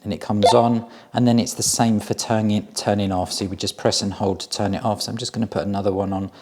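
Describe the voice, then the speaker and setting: A man with a fairly low, slightly mellow voice walks through a product demonstration like a reviewer, explaining it step by step. He talks fast in a casual, plain-spoken way with a level tone.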